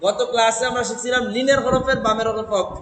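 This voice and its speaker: A man's voice: extremely high pitch, flat delivery, fast, a bit bright, echoey room, in a large hall, a little hiss or hum. A man teaching Quran recitation one-on-one, patiently drilling a student letter by letter.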